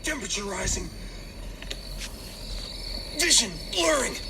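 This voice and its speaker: A slow, processed robotic voice announcing a podcast segment as a sound drop. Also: mid-range voice, lively intonation, vocal fry, noisy background.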